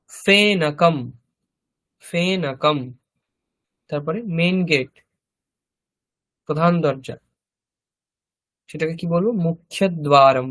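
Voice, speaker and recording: A male teacher with a Bengali accent, giving a slow vocabulary lesson and repeating each word carefully. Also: on the high side, fairly bright tone. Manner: repeats each word slowly, explains pronunciation. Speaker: Sanskrit teacher. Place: language school classroom.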